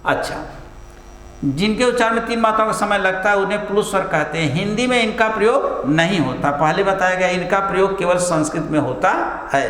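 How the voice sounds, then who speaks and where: A man's voice: high voice, animated, a little fast, a bit bright. A male teacher giving a classroom grammar lesson, calling the students "beta" and asking and answering his own questions. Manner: stretches vowels long to demonstrate. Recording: echoey room with mains hum.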